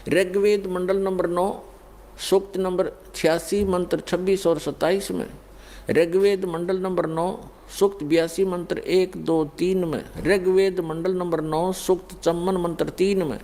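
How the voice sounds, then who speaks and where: Male preacher, warm dark tone, raised pitch, sermon delivery. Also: steady tone, a little slow. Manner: addresses listeners as "punyatmaon", explains with everyday examples. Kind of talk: Hindi spiritual sermon.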